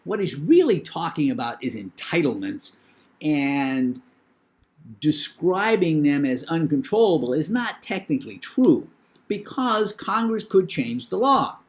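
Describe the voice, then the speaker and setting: Lecturing on a recording, an older man with a New England accent sounds very animated, his pitch fairly high. He stays measured and opinionated, stopping now and then to think and leaning on fillers.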